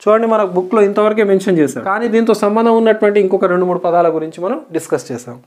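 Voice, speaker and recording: A woman with a Telugu accent, a teacher who explains English words slowly, spells them out letter by letter and keeps checking that the class follows. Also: mid-range voice, a little mellow. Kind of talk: recorded vocabulary lesson.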